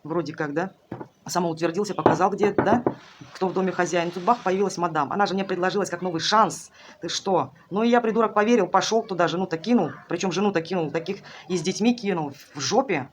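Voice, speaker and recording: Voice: medium pitch, fast talker, natural voice. A tarot reader voicing a disappointed middle-aged husband who grumbles coarsely in the first person about his regrets. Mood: rueful. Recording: noisy recording with clicks.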